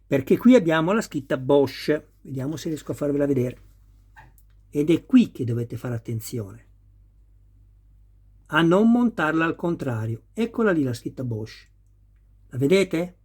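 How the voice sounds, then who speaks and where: Male hobbyist, slightly raised pitch, husky tone, patient step-by-step tutorial. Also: sing-song, a little slow, long pauses, darkish tone. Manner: patient, talks viewers through each step. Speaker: model kit builder. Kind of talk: hands-on assembly tutorial.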